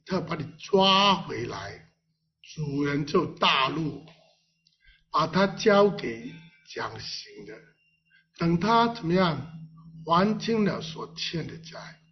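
A man pastor preaching a sermon in a playful way, full of rhetorical questions and reading scripture aloud. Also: fairly high pitch. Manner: reads scripture aloud with the congregation. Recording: dull lo-fi recording.

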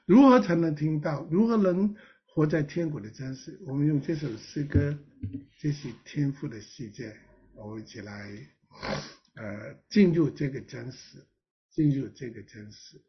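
A man preaching a sermon as pastor, earnest, with emphatic rises and soft drops. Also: a little high, normal speed, husky, muffled recording.

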